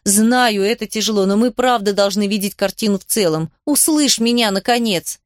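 A woman's voice: medium pitch, moderate pace, dry recording, clean studio sound, natural voice. Woman playing an exasperated stern elder sister. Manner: sharp, exasperated.

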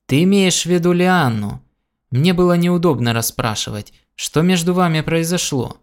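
A man's voice: on the high side, moderate pace, pitched above the performer's own voice, natural voice. A man reading the lines of a friendly, easygoing male alien prince in an audiobook, voice lifted a little.

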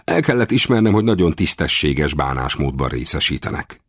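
A man reading a first-person adventure novel as an audiobook, expressive and lifting his voice for shouted dialogue. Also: extremely low pitch, breathy edge, no room sound, clean studio sound. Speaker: audiobook narrator.

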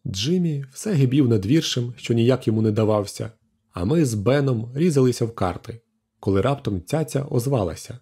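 A man's voice: mid-range voice, expressive, fairly quick, mellow, breathy edge. A man narrating an audiobook, telling the story plainly and voicing the crew with small shifts. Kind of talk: scripted narration.

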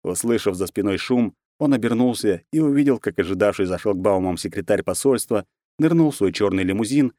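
Man, audiobook narration, fairly low voice, dry close sound. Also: a little mellow, no room sound. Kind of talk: audiobook reading of a novel.

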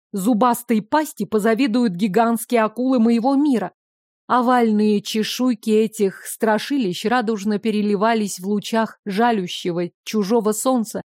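A woman's voice: a little high, dry recording, clean studio sound. Woman narrating a fantasy audiobook. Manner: expressive, measured storytelling.

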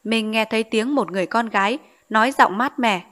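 A woman's voice: a little high, a little fast, a bit bright. A woman narrating a novel as an audiobook, telling the story expressively.

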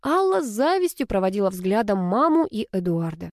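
A woman reading a story aloud as an audiobook narrator, in an even storytelling manner. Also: medium pitch, a little fast, dry recording, studio quality. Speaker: audiobook reader. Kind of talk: scripted narration.

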